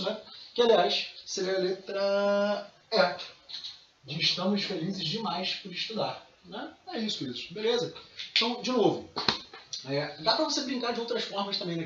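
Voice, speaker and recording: A man's voice: high-pitched, bright, forceful tone. A man with a Brazilian accent teaching a recorded math lesson, casual and chatty, calling his students dear. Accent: Brazilian Portuguese. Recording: distant, roomy, dull recording with faint noise.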